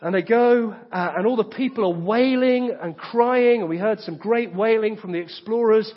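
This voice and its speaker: A man's voice: high-pitched, normal speed, in a large hall, lo-fi sound. A man preaching a sermon, retelling a story with rhetorical questions. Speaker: pastor.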